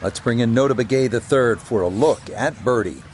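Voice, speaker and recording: A man as a golf commentator, calling play in a measured, polished broadcast manner. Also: mid-range voice, a little mellow, lightly acted. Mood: composed, approving. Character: composed male television golf commentator. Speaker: golf commentator, lead announcer. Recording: crowd and outdoor noise behind. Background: crowd ambience.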